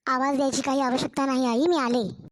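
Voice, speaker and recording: A woman's voice: sits high, little pitch movement, brisk, slight background noise, natural voice. A woman voicing a mild, apologetic young newly married daughter-in-law in a cartoon story, with a Marathwada Marathi accent. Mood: meek.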